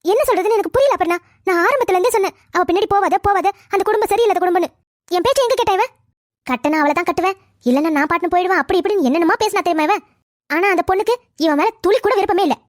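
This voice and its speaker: A woman voicing a quarrelsome, defensive middle-aged mother in a cartoon family drama, talking fast and pleading. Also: dry recording, clean studio sound. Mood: aggrieved. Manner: rapid, shrill, pleading and quarrelsome.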